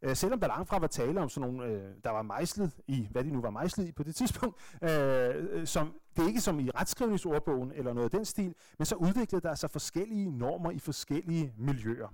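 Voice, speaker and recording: A man's voice: fairly high pitch, animated, few pauses, darkish tone, dry recording. A middle-aged man giving an academic lecture on language history, thinking aloud with many fillers and restarts.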